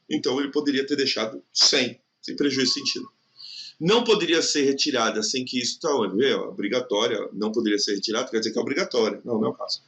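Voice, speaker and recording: A man teaching an exam prep lesson in Brazilian Portuguese, chatty and checking in with the listener often, stretching words out slowly to show the stressed syllable. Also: medium pitch, pushed and bright. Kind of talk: recorded online lesson.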